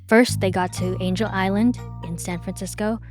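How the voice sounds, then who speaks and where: A woman hosting a podcast, reading a scripted documentary narration in a measured, explanatory way. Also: medium pitch, fairly even intonation, a little mellow, faint music behind. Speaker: podcast host.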